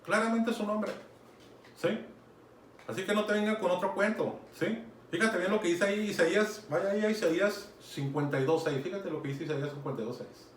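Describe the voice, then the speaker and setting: A man preaches a conversational sermon, checking in with his listeners again and again. His voice sits a bit high. He was recorded from a distance in an echoey room with light noise behind him. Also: fairly quick. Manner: conversational teaching, keeps asking "¿sí?" and urging "fíjate bien". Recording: echoey room, mic far off, some noise.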